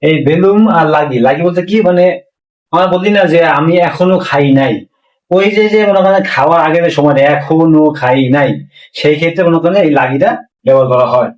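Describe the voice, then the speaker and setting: A Bengali-speaking man teaching a language lesson, slowly repeating words to drill their pronunciation. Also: fairly high pitch, roomy sound, recorded from a distance, rough recording.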